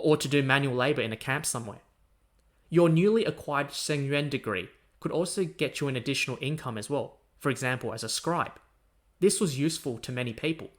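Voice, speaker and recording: A man hosting a history podcast, narrating from a script in a chatty way with wry asides and mild swearing. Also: medium pitch. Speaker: podcast host.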